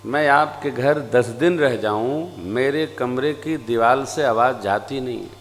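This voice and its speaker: Male preacher with a faint tinge, sings and tells stories at a slow pace in a reverberant hall. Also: medium pitch, faint music behind. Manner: storytelling, shifts between singing and soft spoken teaching. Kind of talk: devotional sermon with sung lines. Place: large hall with an audience.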